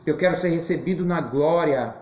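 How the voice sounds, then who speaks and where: A hoarse man teaches a church Bible class with energy, stressing his points and sometimes raising his voice. His voice sits fairly high. The sound is roomy and muffled, with a faint hiss behind it. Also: normal speed. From Brazil. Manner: animated, emphatic, occasional shouting. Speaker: Sunday school teacher.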